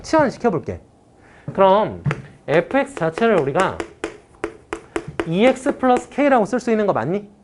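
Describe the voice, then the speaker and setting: A woman's voice: medium pitch, darkish tone. A young woman teaching a math lecture casually, checking often that her students follow and putting on mock exasperation.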